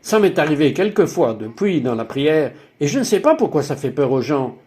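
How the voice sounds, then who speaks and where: A man's voice: a little high, very animated, moderate pace, a little mellow. A man narrating a dubbed personal testimony in an emphatic, exclaiming way, full of wonder.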